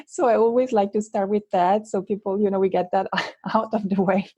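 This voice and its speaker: A woman's voice: mid-range voice, steady tone, normal speed, warm tone, breathy edge, dry recording. A woman from Switzerland with a Swiss Italian accent, a guest coach in an interview, talking thoughtfully with many fillers and restarts. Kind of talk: interview conversation.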